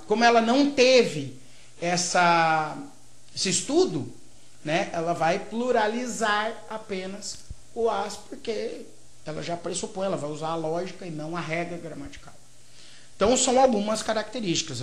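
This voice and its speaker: Man, Brazilian Portuguese accent, grammar teacher, lecturing, explanatory, frequent tag questions, echoey room. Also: high voice. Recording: roomy echo.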